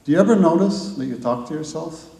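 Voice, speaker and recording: Talking fast, with an expressive, warm voice on the high side, a man gives a live conference talk in a large hall. He relies on rhetorical questions and long, repeated lists, and the sound is distant and echoey.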